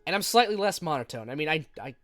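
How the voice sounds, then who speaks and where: Speaking a little high and at a quick pace, a man chats while streaming games, rambling casually and running himself down, his nose stuffy and a cough hanging on. He says his voice is monotone; there's no room sound, just faint music in the background.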